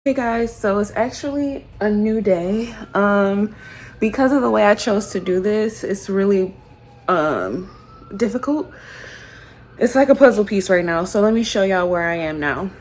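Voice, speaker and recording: A woman's voice: mid-range voice, a little slow, darkish tone. Chatty woman vlogging a home project. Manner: chatty, upbeat, addresses viewers as y'all. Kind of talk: casual vlog walkthrough. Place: apartment living room, indoors.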